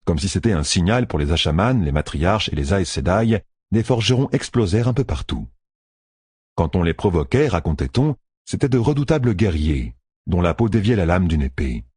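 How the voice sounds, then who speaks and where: A man narrating an audiobook with steady storytelling. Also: low voice, moderate pace, breathy edge, no room sound, studio quality.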